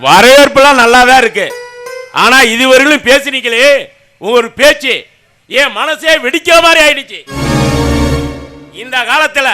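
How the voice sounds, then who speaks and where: An actor playing a resentful middle-aged father-in-law who scolds the other family. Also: very high voice. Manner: bitter, scolding. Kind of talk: family drama acting.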